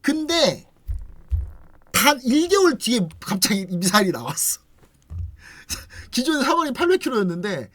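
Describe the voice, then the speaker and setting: Speaking at normal speed with long pauses, a host on an investment channel talks casually in a mid-range voice, with no room sound in the recording. He narrates like a storyteller, acting out quoted remarks in a lively, chatty manner and asking many rhetorical questions.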